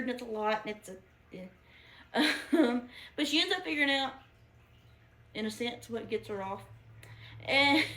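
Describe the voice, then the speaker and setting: A woman's voice: a little high, a bit bright. A woman giving a casual book review, chatty and giggly, with lots of fillers and restarts. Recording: echoey room.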